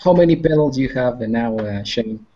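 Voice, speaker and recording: A man from Mexico chatting casually on an online call, haltingly searching for his words. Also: medium pitch, expressive, dark tone. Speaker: guest on a live video chat. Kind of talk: casual chat. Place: online group video call. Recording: dull, lo-fi online call audio.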